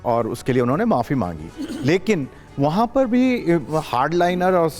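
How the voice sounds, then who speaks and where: Halting man analyst on live news. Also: a little high, big pitch swings, a little mellow, faint music behind. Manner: halting, many filler hesitations and restarts. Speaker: studio guest analyst.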